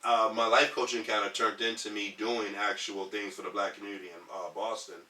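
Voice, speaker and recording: A man in his thirties from Detroit talks earnestly as a podcast guest, his slightly low voice carrying a bright, forceful edge. He rambles through ums and restarts. He sits away from the mic in an echoey room. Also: little pitch movement, brisk, recorded from a distance. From Detroit, US Midwest. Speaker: podcast guest, community organizer. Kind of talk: casual podcast conversation.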